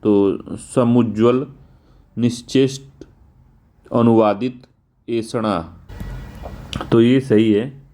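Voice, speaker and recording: A male teacher going through exam answers, spelling words out slowly and repeating them, casual in tone. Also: mid-range voice, fairly even intonation, dark tone. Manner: informal, repeats "theek hai" often.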